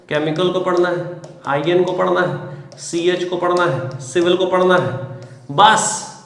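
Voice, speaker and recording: Lively teacher in an echoey room. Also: male voice. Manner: lively, teasing, switches between loud bursts and low asides. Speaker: online exam-prep teacher. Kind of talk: live class, answering student questions. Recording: echoey room with long reverb.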